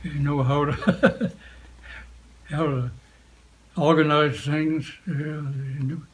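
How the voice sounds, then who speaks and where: An elderly man, a veteran, remembering his past in an unscripted interview, speaking in short, halting phrases with frequent pauses. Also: fairly high pitch, steady tone. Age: 80s or older. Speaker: war veteran being interviewed. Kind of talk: unscripted reminiscence, recalling the past.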